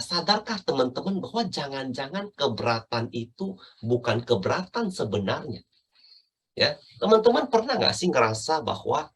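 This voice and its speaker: A man giving an online sales training talk, animated and often checking in with his listeners. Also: medium pitch, husky.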